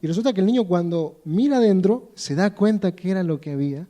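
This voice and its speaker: A man's voice: high-pitched, fast talker, dark tone. A man preaching to his church in a conversational way, repeating phrases for emphasis and telling stories with many fillers. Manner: repeats phrases for emphasis, addresses listeners directly; storytelling with many fillers and restarts. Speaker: pastor. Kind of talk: conversational sermon.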